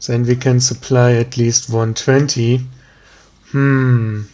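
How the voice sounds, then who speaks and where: A man with a German accent giving tired, slow let's play commentary, thinking aloud with many pauses and ums. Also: mid-range voice, level tone, a little mellow, muffled recording. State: tired, yawning. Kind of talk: relaxed gameplay commentary.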